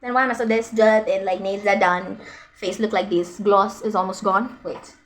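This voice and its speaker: A woman's voice: mid-range voice, fairly even intonation, extremely slow. A young woman, chatting dramatically in a casual vlog, mixing Hindi and English. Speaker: vlogger.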